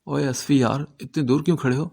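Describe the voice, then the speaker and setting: Male narrator as an injured young man, joking and teasing, gravelly voice, storybook read. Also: mid-range voice, fairly even intonation, darkish tone. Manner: teasing and lighthearted.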